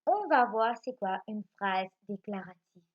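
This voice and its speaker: A woman's voice: mid-range voice, a little slow, muffled recording. A woman teaching French grammar to young children in a recorded lesson, asking questions and answering them herself. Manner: lively, repeats points, asks questions and answers them herself. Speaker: primary school French teacher.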